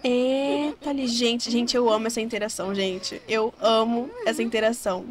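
A Brazilian woman gushing excitedly as she shows off game mods, in casual gameplay commentary. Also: fairly high pitch, normal speed. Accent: Brazilian Portuguese. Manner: gushing, excitable, says "gente" constantly. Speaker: gaming YouTuber.

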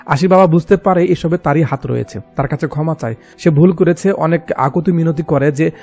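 A man's voice: fairly high pitch, brisk, a little mellow, faint music behind. A man from Bangladesh narrating a film's plot in a dramatic, emotional way, with personal asides, as a close-miked voice-over. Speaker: movie recap narrator.

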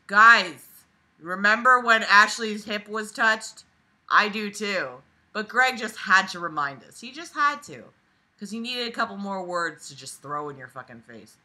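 In a medium-pitched, pushed and bright voice with lively intonation, a woman in her twenties reads aloud at an unhurried pace, stopping to mock it with sarcastic, exasperated swearing. She's lying on a bed in a small bedroom.

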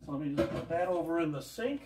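With lively intonation and a fast pace, an older man with a fairly high pitch chats as he cooks, telling rambling homespun stories. He's a home cooking vlogger in a casual demonstration, filmed by a camera across the room; the background is noisy, the kitchen echoes, and his voice is far off.

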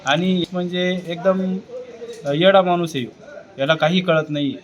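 Local man, agitated witness statement, somewhat high voice, halting and pleading. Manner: agitated, pleading, hesitant with fillers. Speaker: witness speaking to reporter. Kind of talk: emotional street interview statement.

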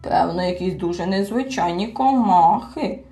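A woman voicing a slow-witted, pedantic male creature who collects insects, muttering in a pompous way, with faint music behind. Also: lowish voice, warm tone, natural voice. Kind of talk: audiobook character voice.

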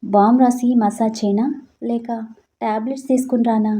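Brief: a fretful, gentle dad, as a woman storyteller puts him on, mellow low-toned voice. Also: steady tone, moderate pace, husky. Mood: anxious, tender. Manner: anxious, tender questioning. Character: worried loving middle-aged father.

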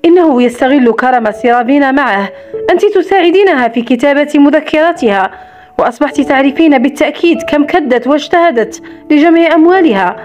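Reading an audiobook romance, a woman voices a blunt, protective grown man, delivering his lines expressively and with scorn. Her voice is high, expressive, and fast, in a slightly dull recording with soft music.

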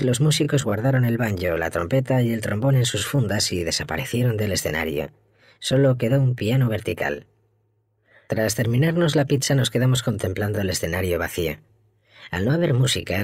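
Man, audiobook narration, very low voice, dry close sound, measured steady reading. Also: no room sound.

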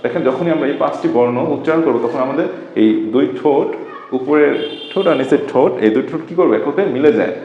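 A man's voice: on the high side, fast, slight background noise. Guy teaching a lesson, asks questions n answers them himself, echoey room, kinda dull lo-fi sound. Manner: asks rhetorical questions and answers them, repeats key terms. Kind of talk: classroom-style lesson.

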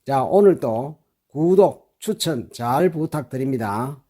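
A male English teacher with as his walks through everyday phrases at a slow, unhurried pace. His pitch rises and falls a lot as he explains, and his tone is mellow and dark. He sets out each point patiently for learners. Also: expressive. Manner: slow, deliberate drilling of phrases, repeating each several times; explanatory, instructive delivery.

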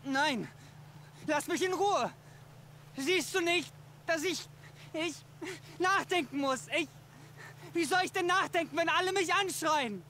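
A tormented man who hears spirits crying in his head, a high, strained voice. He talks in halting, desperate bursts. It suits a video game scene. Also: lively intonation, slight background noise. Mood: frantic.

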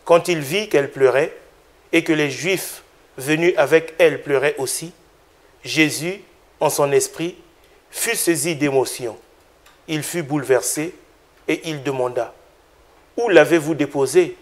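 A male preacher with a slightly high voice who reads scripture and then teaches. He speaks slowly and deliberately, pausing and correcting himself as he explains. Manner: deliberate, with restarts and filler sounds. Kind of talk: scripture reading and homily.

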